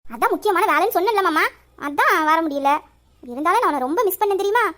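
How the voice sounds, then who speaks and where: Brief: a woman voicing a high, fast-talking teasing girlfriend for a romantic audio drama, playful and coaxing. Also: expressive, fairly bright tone. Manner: coaxing, teasing, quick banter.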